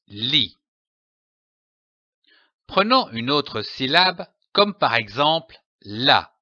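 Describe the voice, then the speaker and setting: A man teaching a reading lesson, spelling out syllables slowly and clearly with emphatic delivery. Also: mid-range voice, bright, forceful tone, no room sound, muffled recording. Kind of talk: slow, deliberate reading lesson.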